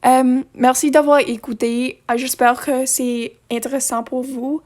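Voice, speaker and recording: Female video presenter, fairly high flat voice, non-native French accent, halting scripted narration with casual asides. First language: not French; French is a third language.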